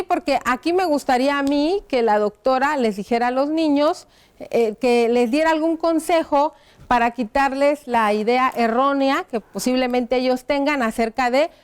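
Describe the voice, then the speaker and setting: A woman teaching a primary school lesson on television, dictating slowly as she writes on a board and checking in with the children through frequent tag questions. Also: high voice, clean tone. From Mexico. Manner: slow, careful dictation while writing on a board.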